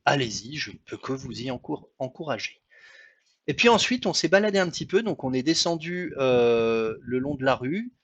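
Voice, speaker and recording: A man's voice: medium pitch, husky, no room sound, muffled recording. A man with a French accent narrating a travel slideshow in a chatty, hesitant, apologetic way. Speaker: travel vlogger. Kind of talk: casual travel commentary over photos.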